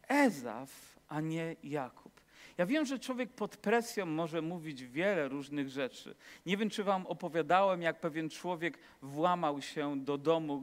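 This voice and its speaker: A man delivering a sermon in a slightly high voice, mixing Bible stories with jokes and questions put to his listeners. His words echo through a large church hall with a long reverb. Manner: storytelling with humor and rhetorical questions to the congregation. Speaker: preacher.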